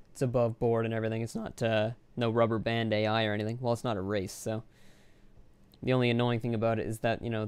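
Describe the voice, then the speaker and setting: Offhand, flat-voiced young man gaming. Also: medium pitch, clean tone. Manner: rambling, offhand, self-deprecating. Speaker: Let's Play commentator. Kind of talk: casual gameplay commentary.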